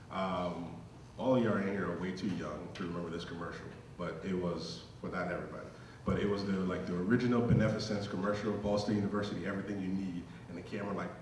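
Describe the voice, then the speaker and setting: A man's voice: sits low, slight background noise. A man in his thirties from Liberia, telling his story in a casual, self-deprecating way as a panel speaker at a symposium. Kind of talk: symposium talk. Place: lecture hall. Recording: echoey hall, distant mic.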